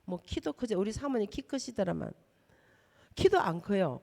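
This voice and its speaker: A woman's voice: mid-range voice, very animated, normal speed, creaky, darkish tone, in a large hall. A middle-aged woman from South Korea, a missionary preaching a sermon and speaking directly and emphatically to the congregation. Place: church hall.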